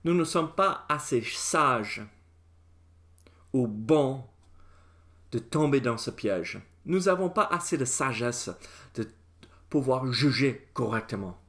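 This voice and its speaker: A man's voice: mid-range voice, slow pace, pauses often. A man with an American accent, a native English speaker teaching a Bible study in French with many hesitations and acted-out asides. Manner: animated, acts out critics' voices, many fillers. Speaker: pastor. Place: church.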